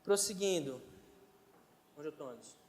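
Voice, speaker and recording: A man's voice: on the high side, animated, moderate pace, darkish tone. A man preaching a sermon to a congregation, conversational, often asking them for agreement. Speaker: pastor. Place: church. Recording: echoey church hall, long reverb.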